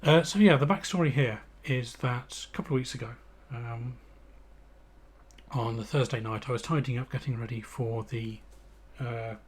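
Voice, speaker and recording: A man's voice: medium pitch, moderate pace. An English man hosting a live stream, chatting casually and rambling with lots of fillers and restarts. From England. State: out of breath. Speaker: livestream host.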